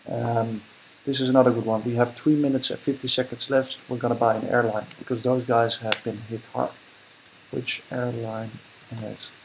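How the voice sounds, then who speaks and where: This young Dutch man's medium-pitched voice is gravelly and a little mellow, with a Dutch accent. As an investing vlogger, he gives casual commentary on a screen recording, thinking aloud and correcting himself, and the poor audio carries slight background noise.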